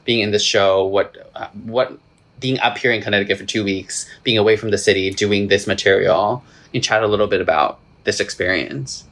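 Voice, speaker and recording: A man from Singapore hosts a relaxed interview in a low voice. He prompts his guests briefly and attentively. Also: a little fast. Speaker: host, composer. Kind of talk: casual interview.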